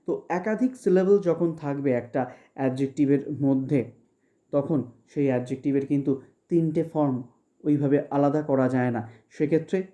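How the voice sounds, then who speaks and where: An exam-prep English teacher from West Bengal, India, gives an online grammar lecture in a deeply dark, warm voice. She patiently explains step by step, frequently asking whether everything is clear. Reading English example sentences, she slows sharply, almost to a crawl, leaning on each word.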